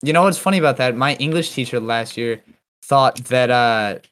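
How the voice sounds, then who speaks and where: A man chatting playfully on a podcast, telling quick stories. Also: mid-range voice, a loud crowd. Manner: playful, storytelling. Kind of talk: casual chat.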